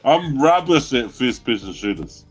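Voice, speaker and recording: A man's voice: medium pitch, sing-song, a little slow, faint music behind. A young man with a New Zealand accent, co-hosting a casual livestream chat and telling rambling stories with plenty of laughter. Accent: New Zealand English. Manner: rambling storyteller, laughs a lot. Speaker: livestream co-host.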